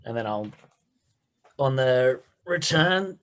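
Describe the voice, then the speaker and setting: A man playing in a tabletop game, calmly stating his moves and rolls. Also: medium pitch, slow pace. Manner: matter-of-fact, calling out rolls. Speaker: player. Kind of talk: casual tabletop game play.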